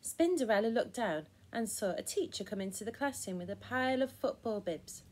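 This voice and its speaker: A woman hosting a story time and reading a children's picture book aloud in a gentle, expressive and encouraging way. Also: fairly high pitch, fairly quick.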